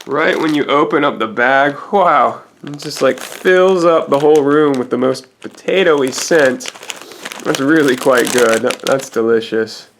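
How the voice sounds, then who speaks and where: A man's voice: medium pitch, unhurried, a bit bright, slight background noise. A man giving a casual product review as a food reviewer, in a rambling, hesitant, minutely detailed way.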